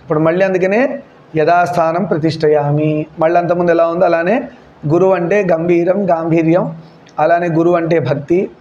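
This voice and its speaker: High-voiced teacher, slow and deliberate. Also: male voice, darkish tone, dull audio, a little hiss or hum. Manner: slow, deliberate explaining with digressions and reminders to remember. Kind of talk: classroom storytelling lesson. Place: classroom.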